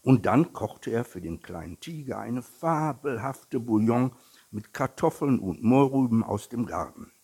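A man reading a children's story aloud in a slow, expressive manner, with a husky voice. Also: mid-range voice.

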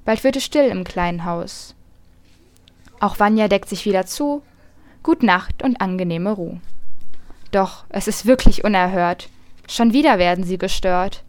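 A woman's voice: medium pitch, no room sound. Woman reading a rhyming children's story. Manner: lively rhymed reading, raising her voice for the animals' lines.

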